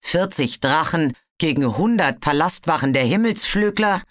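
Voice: mid-range voice, lively intonation, normal speed, a bit bright, dry recording, clean studio sound, voice pushed up, lightly acted. A storybook narrator voicing a cold, sarcastic ice dragon who hisses its words. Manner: hissing, icy, sarcastic. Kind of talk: audiobook character voice.

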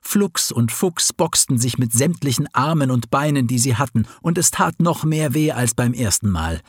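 A man reading a children's story aloud in a slow, expressive storybook narration. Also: medium pitch, breathy edge, no echo, clean studio sound.

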